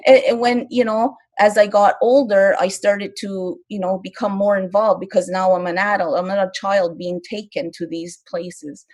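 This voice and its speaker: An older woman from Kahnawake speaks as a guest on a live stream. She talks earnestly and pauses, searching for words when she is moved. A wry laugh slips in now and then. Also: medium pitch, a little mellow. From Kahnawake, Quebec. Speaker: interview guest. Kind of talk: emotional personal testimony.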